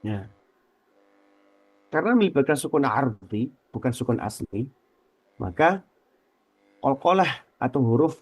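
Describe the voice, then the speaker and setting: A man with an Indonesian accent teaching Quran recitation on a radio program, explaining patiently and repeating letter sounds slowly as examples. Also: medium pitch, very animated, slightly rough, no room sound. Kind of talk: radio tajwid lesson. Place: radio studio.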